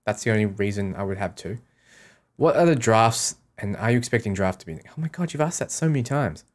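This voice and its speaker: Animated and brisk, a man with a lowish voice runs a casual Q&A on his game stream. He reads the questions out and tosses back offhand answers in short sentences that he repeats.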